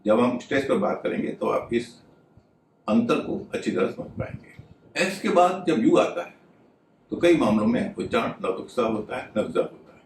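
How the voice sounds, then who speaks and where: A man gives a methodical video lesson on pronunciation, spelling words out letter by letter. His voice sits at an ordinary pitch and sounds a little off-mic. The room is echoey, with a faint hum behind him. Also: big pitch swings, normal speed. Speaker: English pronunciation teacher. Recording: roomy, slightly distant mic with faint ambience.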